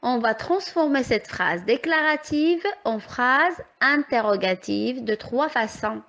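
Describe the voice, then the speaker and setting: Slow, high-voiced woman teacher. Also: lively intonation, a bit bright, highs cut off. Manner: patient, carefully articulated, rising question intonation. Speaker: primary school teacher. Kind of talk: slow, clear distance lesson for young children.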